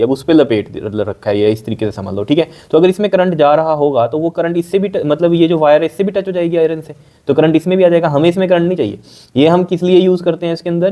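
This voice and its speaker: A man teaching a science lesson, explaining step by step, often checking that students follow, and dictating definitions slowly. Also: fairly high pitch, warm tone. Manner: repetitive, checks understanding with frequent "okay?".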